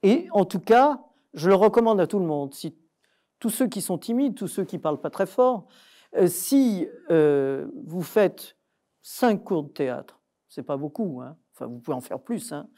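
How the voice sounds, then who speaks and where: A woman's voice: lowish voice, lively intonation, measured pace, warm tone. An older Frenchwoman answering audience questions at a talk, emphatic and direct, with many hesitations. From France.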